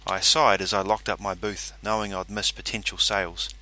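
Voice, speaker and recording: Low-voiced man reading a story. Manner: steady, measured storytelling. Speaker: audiobook narrator. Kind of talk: scripted narration.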